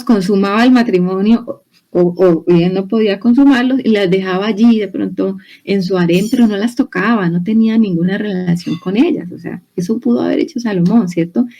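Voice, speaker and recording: A Colombian woman with a Colombian Spanish accent leads a church Bible study. Her voice is warm and mellow, sitting at a middle pitch for a woman. She explains at an easy teaching pace and often backs up to rephrase. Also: rough recording. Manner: explanatory, conversational, with many restarts. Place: church hall.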